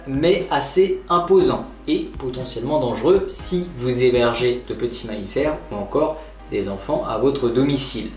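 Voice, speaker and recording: A man giving a formal, instructive scripted narration in the style of a nature documentary. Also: mid-range voice. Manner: didactic, formal phrasing. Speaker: presenter of an animal care video. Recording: roomy echo, distant mic, background music. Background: music.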